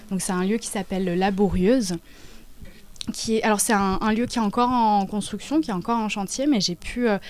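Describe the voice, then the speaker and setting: A woman in her twenties, a dancer and choreographer, talks about her work in a casual interview, halting often as she searches for words. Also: mid-range voice, darkish tone. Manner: halting, with many hesitations.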